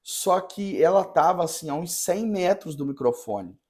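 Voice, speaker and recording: A man who is a parish priest, telling a story in a podcast conversation with an earnest, halting manner and many restarts. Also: high voice, expressive, darkish tone.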